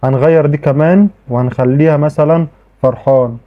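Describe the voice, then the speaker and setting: Egyptian guy walking thru a tutorial, kinda high voice, talks quick, phone-like sound. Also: steady tone. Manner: chatty, repeats "okay" often, frequent restarts. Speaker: tech tutorial host. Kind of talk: casual screen-recorded tutorial. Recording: tinny phone-like audio.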